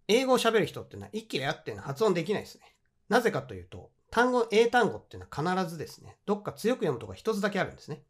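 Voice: medium pitch, breathy edge. An English teacher with a Japanese accent, explaining grammar points in a friendly, encouraging way.

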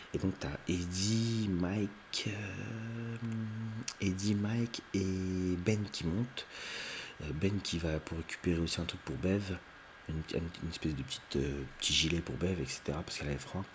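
Speaking in an extremely deep voice, a man loosely retells a film's plot for his viewers, with no script or editing. His delivery is full of fillers and false starts, broken up now and then by higher-pitched impressions of the characters' lines. The recording carries a faint hiss.

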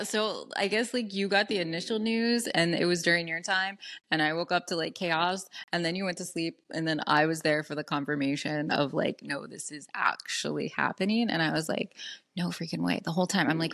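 A woman's voice: sits low, gravelly, a bit bright, dry recording. A woman co-hosting a podcast, chatting casually with a laughing, self-mocking manner. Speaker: podcast co-host. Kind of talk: casual chat.

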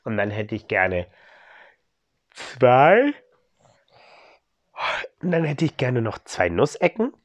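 A man's voice: mid-range voice, huge pitch swings, takes it slowly, long pauses, no room sound, heavily acted. A man voicing a cheerful, enthusiastic father buying bread in a bedtime story.

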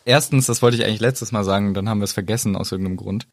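A man's voice: fairly low pitch, very fast, no room sound. Chatty male podcast co-host with an easy laugh, dry close mic. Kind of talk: casual book discussion podcast.

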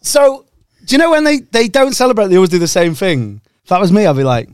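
A high-voiced young man jokes and rants in loose podcast banter, his pitch swinging all over the place. He swears freely and keeps the energy up. The sound is close and dry. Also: quick pace, clean tone, no room sound. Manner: joking, animated, swears freely. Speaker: podcast co-host. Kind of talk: casual banter.

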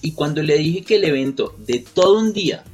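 A man's voice: a little high, lively intonation, normal speed, a little mellow, soft background music. A man giving a motivational talk to camera, emphatic and repetitive, firing rhetorical questions at the listener. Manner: acts out quoted people. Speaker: motivational coach.

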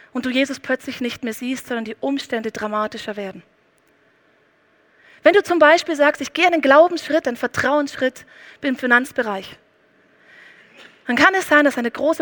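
A woman's voice: sits high, a bit bright. A woman preaching a sermon, speaking emphatically and addressing the listener directly.

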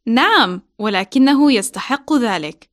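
A woman with a fairly high voice co-hosts a language lesson. She is a native Arabic speaker and talks in the manner of a teaching podcast. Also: lively intonation, fast talker, fairly bright tone. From Syria. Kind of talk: scripted language lesson dialogue and chat.

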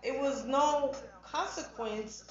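A woman's voice: high voice, takes it slowly, a little mellow. A woman co-hosting a casual podcast, blunt and insistent, driving her points with rhetorical questions. Her voice rings in a strongly echoing room. The sound is dull and lo-fi. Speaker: podcast co-host. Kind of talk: casual chat. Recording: very echoey, dull podcast audio.

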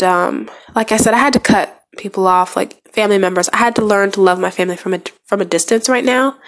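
A young woman with a stuffy cold, giving a personal motivational talk in a halting way, full of fillers and restarts. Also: mid-range voice. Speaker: speaker sharing goals.

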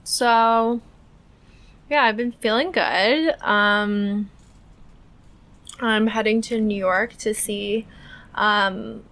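A young woman co-hosting a podcast, chatting in a relaxed, unhurried way with many fillers. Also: medium pitch. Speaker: podcast co-host. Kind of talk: casual chat.

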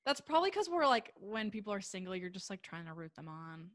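A woman's voice: medium pitch, big pitch swings, a little fast, dry recording, studio quality. A young woman co-hosting a podcast, talking casually, full of "like", swearing freely and laughing often. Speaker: podcast co-host. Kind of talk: casual chat.

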